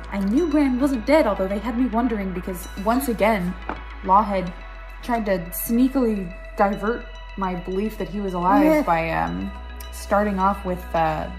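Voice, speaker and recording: A young woman talks through her thoughts in a loose, chatty way, wandering off into asides. Her voice sits at an ordinary middle pitch for a woman, close to a tablet mic in a living room, with music playing clearly underneath. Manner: chatty and rambling, self-deprecating asides. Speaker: book club vlogger. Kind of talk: casual book discussion chat. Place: living room at home, indoors. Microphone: tablet built-in mic, close and low.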